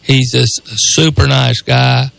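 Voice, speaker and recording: Southern guy co-hosting sports radio, super gravelly creaky voice, rambly rural drawl. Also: mid-range voice, level tone, slow, a bit bright, no room sound. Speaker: radio co-host. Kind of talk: casual sports talk radio chat. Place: radio studio.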